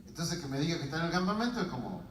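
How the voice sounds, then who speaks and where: A man's voice: a little high, racing, slight background noise. A man preaching as a guest, telling stories with humor in a church, recorded from far off in an echoey hall. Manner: animated, humorous storytelling. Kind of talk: sermon storytelling.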